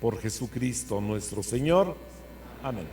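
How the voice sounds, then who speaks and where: Solemn priest, hummy recording. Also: male voice, lowish voice, animated, mellow. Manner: solemn, measured phrasing addressed to the faithful. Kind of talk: homily and liturgical prayer to a congregation. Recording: noisy church recording with mains hum.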